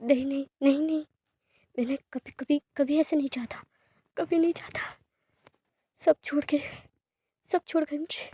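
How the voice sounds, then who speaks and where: A woman plays a heartbroken young man who begs through sobs, circling the same broken words. The voice sits high and bright, recorded close and dry. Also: fairly even intonation, moderate pace, pauses often, no echo, close to an everyday voice. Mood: anguished pleading. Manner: sobbing, pleading, broken repetitions. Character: grieving young man crying for his partner.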